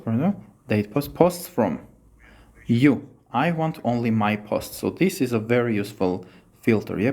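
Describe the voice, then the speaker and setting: A man, a native Armenian speaker with an Armenian accent, teaches English by talking through a test on screen in a screen-share lesson. He's slow, a bit hesitant, and keeps checking in with "yes?", speaking at medium pitch.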